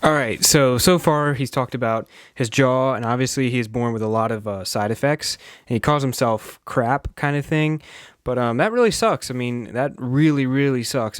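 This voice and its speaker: A young man talks through a reaction video in an easy, sympathetic way, pausing with frequent ums and small asides. His voice is close and dry on the mic, with no room sound around it. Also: mid-range voice, no echo. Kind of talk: casual reaction commentary.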